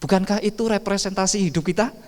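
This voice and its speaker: A man's voice: sits high, fast. A man, preaching a sermon and quizzing the congregation with rhetorical questions. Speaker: pastor. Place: church sanctuary. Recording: reverberant church hall.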